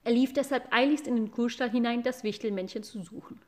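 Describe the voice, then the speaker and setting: A woman reads a classic children's story aloud as audiobook narration. Her pace is calm and measured, and her voice sits a little high for a woman.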